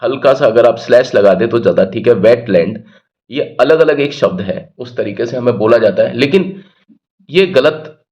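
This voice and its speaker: A man's voice: mid-range voice, darkish tone, highs cut off. A man teaching English grammar, who explains patiently, repeats key words and answers his own questions. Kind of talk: Hindi-medium English grammar lesson.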